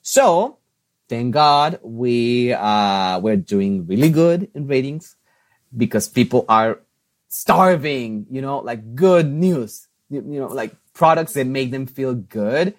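An upbeat Mexican man whose first language is Spanish answers interview questions as a guest; he works as a TV and radio host. His medium-pitched voice is animated, and he's chatty, laughs often, and uses many restarts and fillers.

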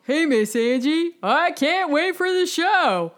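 A woman's voice: high voice, lively intonation, takes it slowly, faint music behind. A woman voicing a friendly, chummy dog who likes telling jokes on a children's story podcast. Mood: playful. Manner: chummy, playful.

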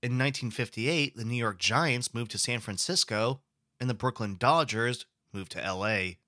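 Brief: a male lecturer who explains and poses questions, with a bright tone and a dry, close recording. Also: mid-range voice, moderate pace, no echo. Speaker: history lecturer.

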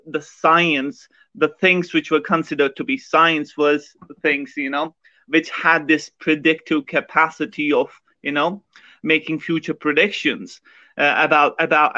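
Bright-voiced man with a Kashmiri accent. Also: a little high, no room sound, highs cut off. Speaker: podcast guest. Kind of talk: explanatory interview talk.

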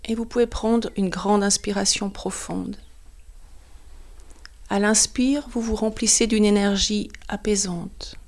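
A woman leads a guided meditation in a soothing, hushed, breathy voice that is often close to a whisper, in short phrases with pauses. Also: mid-range voice, steady tone.

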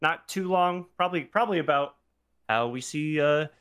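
A man's voice: fairly high pitch, normal speed, a bit bright, clear, resonant tone. A man playing a tabletop game, describing his character in a playful, laughing way. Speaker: player.

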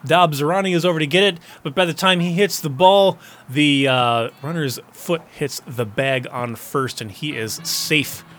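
A man with a somewhat high voice commentates a baseball game in descriptive play-by-play. Faint ambient noise sits behind him. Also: measured pace, few pauses, a bit bright.

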